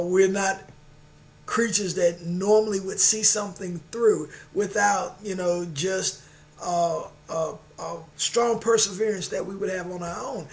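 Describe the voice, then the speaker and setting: A man with a high-pitched voice speaks as a motivational storyteller. His delivery is informal and emphatic, leaning on repetition to drive home a moral.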